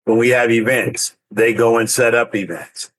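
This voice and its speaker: A man's voice: mid-range voice, steady tone, normal speed, a bit bright, poor audio. A man, a veteran ambassador, explaining his group's work in an interview, often stopping and repeating words. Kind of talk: interview answers.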